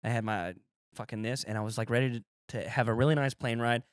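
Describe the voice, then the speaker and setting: A man's voice: mid-range voice, steady tone, fast talker, clean tone, no room sound, clean studio sound. A man from Appalachia, a stand-up comedian hosting a podcast, telling crude rambling stories with a laugh in his voice. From Appalachia, USA. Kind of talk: casual comedy podcast chat.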